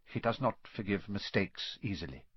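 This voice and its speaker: A man's voice: fairly low pitch, expressive, normal speed, slightly rough, no room sound, pitched below the performer's own voice. A man voicing a scheming male wizard teacher, cold and servile, in an audiobook reading. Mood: fearful, devoted. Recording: dull lo-fi dry recording.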